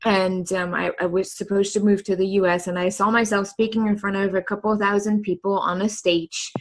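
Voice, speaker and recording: A woman's voice: mid-range voice, brisk, slight background noise. Woman telling her story. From Germany. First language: German. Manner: lively storyteller, laughs easily. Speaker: guest coach. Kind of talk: casual interview chat.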